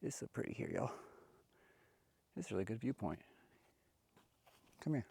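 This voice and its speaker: A man's voice: mid-range voice, very animated, moderate pace, vocal fry, dark tone, breathy edge. A man chatting casually while filming his hike outdoors in a desert canyon on a handheld camera, a bit winded from climbing. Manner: chatty, wandering, folksy. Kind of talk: casual vlog narration.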